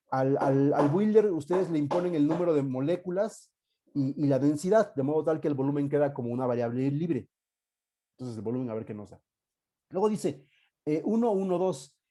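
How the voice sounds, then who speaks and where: A man's voice: fairly high pitch, dark tone. A man with a Mexican accent giving a live online class as a university teacher, talking casually, thinking aloud with many fillers and joking asides.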